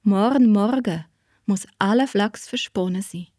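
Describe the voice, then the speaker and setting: A woman voicing a fairy-tale king who speaks slowly and grandly. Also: medium pitch, mellow, slightly rough, no echo, clean studio sound. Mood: stately. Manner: slow, measured, lordly.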